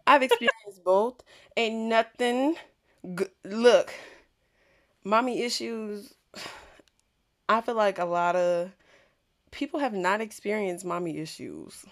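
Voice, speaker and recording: A woman from Texas co-hosting a podcast in casual chat, blunt and joking, swinging between loud bursts and soft asides. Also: medium pitch, takes it slowly, pauses often. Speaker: podcast co-host.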